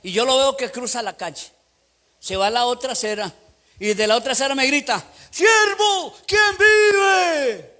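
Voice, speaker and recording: High, bright-voiced Costa Rican preacher. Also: male voice, a little fast. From Costa Rica. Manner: emphatic preaching with lively anecdotes. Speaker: pastor. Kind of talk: sermon.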